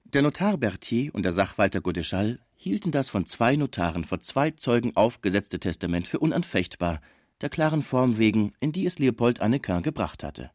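A man reading a classic novel aloud as an expressive audiobook narrator. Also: medium pitch, moderate pace, dry recording, clean studio sound.

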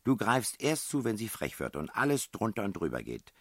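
A man's voice: on the low side, huge pitch swings, breathy edge, no room sound, studio quality, pitched above the performer's own voice, exaggerated voice. A man voicing a bossy, witty young woman. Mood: commanding. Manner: brisk, commanding, teasing.

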